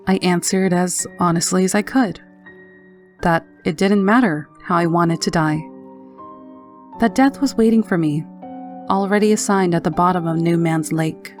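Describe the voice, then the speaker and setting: A woman narrating a scripted first-person scary story in a low, haunting, measured manner. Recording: narration over background music. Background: music.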